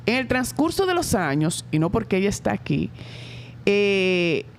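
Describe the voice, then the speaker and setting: Speaking with a Dominican Spanish accent, a middle-aged woman who directs a school in the Dominican Republic reflects on interview questions, stopping and hesitating frequently. Her medium-pitched voice swings widely in pitch, and there's slight background noise.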